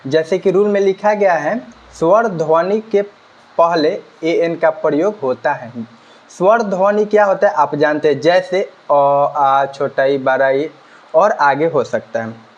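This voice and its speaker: A man's voice: a little high, a little slow. A man teaching a grammar lesson, asking and answering his own questions and repeating key words. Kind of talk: grammar lesson explaining examples. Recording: slightly dull lo-fi recording.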